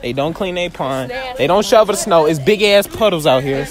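A young man bantering outdoors with a friend, teasing and animated. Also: fairly high pitch, a little fast. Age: young adult. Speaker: friend of the vlogger. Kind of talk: casual banter. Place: outdoors on a campus.

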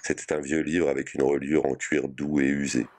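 A man reading a short story aloud in a measured, sober way. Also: a bass voice, flat delivery, darkish tone. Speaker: reader.

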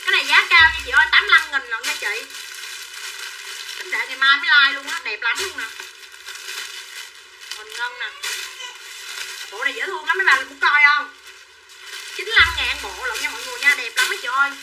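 A woman's voice: sits high, lively intonation, brisk, long pauses, pushed and bright. A woman running a live sales stream, chattily calling out prices and buyer names and coaxing viewers to buy. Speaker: livestream clothing seller. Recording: distant mic with faint background noise.

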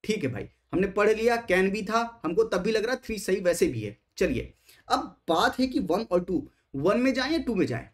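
A man's voice: high voice, animated, normal speed. A man teaching exam strategy, speaking emphatically, asking rhetorical questions and mixing English terms into his Hindi.

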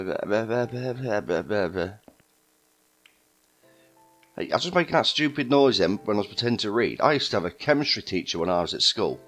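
A man's voice: fairly low pitch, a bit bright. A man giving wry, joking commentary while playing a video game. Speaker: gaming YouTuber. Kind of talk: let's play commentary. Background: game music.

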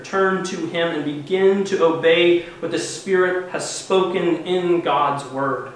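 A man's voice: on the high side, recorded from a distance, a little hiss or hum. A man in his thirties, a pastor preaching an earnest, emphatic sermon from a pulpit in a church sanctuary. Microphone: far camera mic, no visible microphone. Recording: very echoey church heard from afar.

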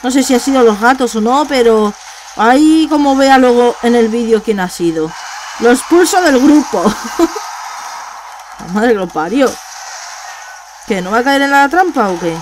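A woman gamer with a Spain Spanish accent, giving let's play commentary; she gets excited, swears and repeats words. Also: fairly high pitch, unhurried, long pauses, background noise.

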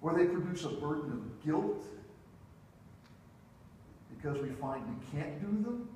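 Middle-aged pastor preaching in echoey church. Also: male voice, a little high, expressive, a little slow, a little mellow, a little hiss or hum. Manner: storytelling, moves about the stage with wide gestures. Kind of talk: sermon. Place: church sanctuary, large indoor room. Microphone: distant room mic, preacher away from the camera. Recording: echoey church hall heard from far off.

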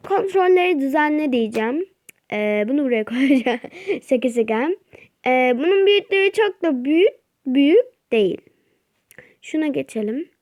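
High-voiced excitable woman gamer. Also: normal speed. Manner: excitable, chatty, cries out and urges during play. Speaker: gaming channel host. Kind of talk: mobile game let's-play commentary.

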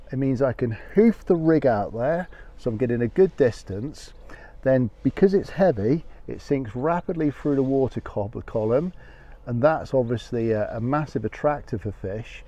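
Middle-aged guy chatting to camera outside about his fishing setup, mellow low voice, kinda muffled lapel sound. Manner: chatty and practical, talks to camera. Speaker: fishing vlogger. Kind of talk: casual how-to explanation. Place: outdoor wooden deck by the sea. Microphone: lapel mic. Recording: slightly dull lo-fi audio.

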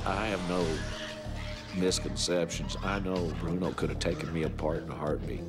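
A man's voice: sits low, little pitch movement, normal speed, music in the background. A man in his fifties recounting a personal experience in a documentary interview. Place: indoor interview set with dark backdrop.

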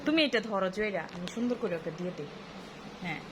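A woman's voice: medium pitch, animated, fairly quick, noisy background. A woman, talking at home in a playful, coaxing, teasing way to her small children while filming them. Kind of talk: casual home video chat.

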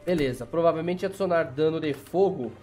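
A young Brazilian man with a slightly high voice narrates his gameplay in a chatty, running commentary. He talks straight to his viewers and bursts into sudden excited yelps. Faint game music plays underneath. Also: a little fast. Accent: Brazilian Portuguese. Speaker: gameplay channel host. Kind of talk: let's play commentary.

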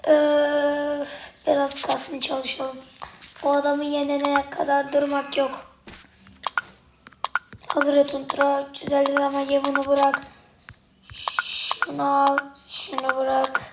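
A young woman commentates casually on a game in a high, very monotone voice that sounds strained and partly lost. She mutters short remarks to herself. The room echoes and loud noise runs behind her. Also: slow, long pauses. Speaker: gaming video creator. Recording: roomy, loud noise and clicks.

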